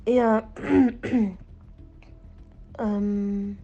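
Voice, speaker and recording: A woman's voice: medium pitch, steady tone, very slow, phone-quality sound, soft background music. A young adult woman telling a personal story in a casual, rambling way, full of fillers and restarts. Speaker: storyteller sharing a personal experience.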